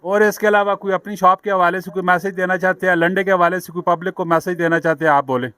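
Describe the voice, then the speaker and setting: A man's voice: sits high, steady tone, fast, sharp tone. A man with a Pakistani accent interviewing stallholders at an outdoor street market, repeating their answers back as questions. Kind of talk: vox-pop street interview.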